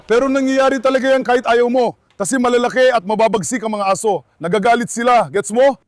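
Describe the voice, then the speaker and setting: A man with a strikingly high voice hosts a casual dog vlog, coaxing his animals with the same calls again and again. He also gives steady instructions to a helper on how to hold and approach the dogs. The sound is dry and close, with no room echo. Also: quick pace. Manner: coaxing, keeps repeating calls and commands to the dogs. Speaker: dog owner and channel host.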